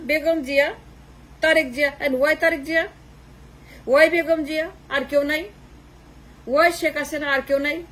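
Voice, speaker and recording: A woman's voice: high-pitched, fairly bright tone, rough recording. A woman giving a political monologue, emphatic and repetitive, switching between Bengali and English. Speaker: political commentator.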